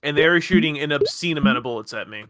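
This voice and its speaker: A man's voice: a little high, lively intonation, fast, very noisy. A man on a casual stream chatting and telling stories with a dry, wry humor. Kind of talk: casual chat, telling anecdotes.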